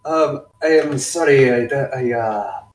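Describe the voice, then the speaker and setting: A man's voice: mid-range voice, takes it slowly. A man running a tabletop game in casual, rambling, self-deprecating talk. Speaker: game master. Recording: echoey room, far from mic.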